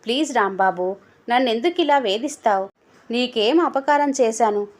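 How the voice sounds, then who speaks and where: A woman's voice: a little high, normal speed, lightly acted. A woman voicing a young married woman who scolds and pleads with a blackmailer in an agitated, indignant voice.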